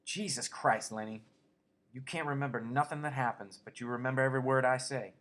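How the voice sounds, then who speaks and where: A weary, gruff farmhand speaks in a flat, worn-out way, as a man reads him aloud. He sounds tired and terse, a figure from a spoken story. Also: mid-range voice, fairly quick, voice pushed up, close to an everyday voice. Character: weary tough itinerant worker, man, gruff.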